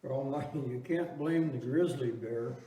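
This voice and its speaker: Here a man takes the part of a teasing older husband in an amateur comedy talk-show skit, answering with folksy, reasoned comebacks in a wry mood. His warm, mid-range voice moves at a measured pace and is only lightly acted. Sound comes through a far-off mic in a room with echo.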